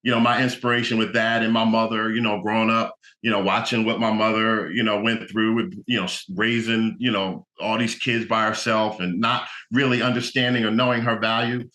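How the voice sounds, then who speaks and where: A man's voice: on the low side, level tone, brisk, hardly any pauses, bright, forceful tone. A middle-aged man from New Jersey, a guest actor and motivational speaker, talking reflectively in a casual interview with lots of "you know".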